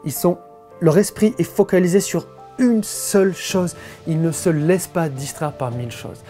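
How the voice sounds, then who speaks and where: A man's voice: on the high side, lively intonation, normal speed, mellow, faint music behind. A man giving a motivational coaching talk, speaking emphatically and directly to the listener.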